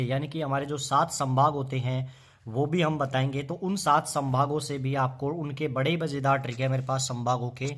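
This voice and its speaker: Male tutor with a lilt, slightly high voice, drills name lists by rhythmic repetition. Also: a bit bright. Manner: rhythmic chanting of place names in repetition; coaxing, quizzing the viewer. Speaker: teacher. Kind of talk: exam-prep memory trick lesson.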